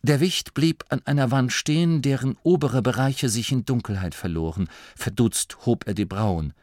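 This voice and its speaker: A man narrating an audiobook in an expressive, animated way. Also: medium pitch, moderate pace, no echo, studio quality.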